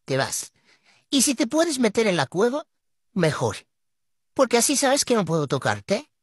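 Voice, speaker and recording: Through a gender-swapping voice changer filter, a vlogger scolds their pet on camera with exasperated, mock-dramatic flair. The voice sits at medium pitch with big swings in pitch, a slightly slow pace, and a breathy edge. The recording is dry and studio-quality, with no room sound.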